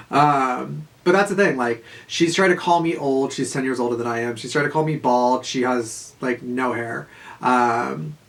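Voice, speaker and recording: A man's voice: medium pitch, vocal fry. Man telling a rambling story. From Southern California. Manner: rambling, profane, laughs often, many fillers. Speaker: vlogger. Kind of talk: casual storytime monologue.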